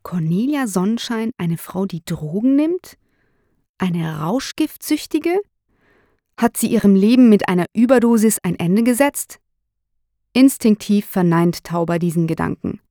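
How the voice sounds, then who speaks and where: Brief: female narrator, measured scripted reading, dry studio. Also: mid-range voice, dark tone, no echo. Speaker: audiobook narrator.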